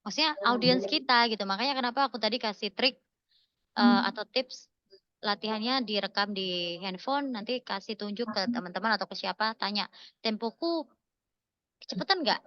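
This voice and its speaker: A woman's voice: medium pitch, a little fast, smooth, no room sound, dull audio. A woman speaking in a webinar, answering audience questions with encouraging tips and repeating key words for emphasis. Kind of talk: coaching talk answering questions.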